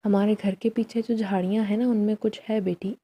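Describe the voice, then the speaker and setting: A woman voicing a weary, secretive poor mother in a storybook tale, speaking in a soft, resigned, warning way. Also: mid-range voice, steady tone, breathy edge, natural voice.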